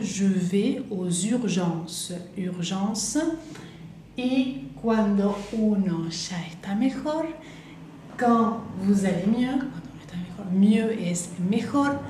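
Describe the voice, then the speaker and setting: Woman teacher, slow patient delivery, mellow voice, echoey room. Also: mid-range voice, a little hiss or hum. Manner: patient, repeats each phrase slowly, switches between Spanish and French. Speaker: French teacher. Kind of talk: slow explanatory lesson.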